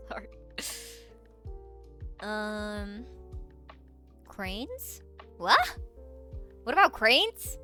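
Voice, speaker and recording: A woman's voice: mid-range voice, sharp tone. A woman streamer in casual live-stream chat, playful and giggly, swearing freely.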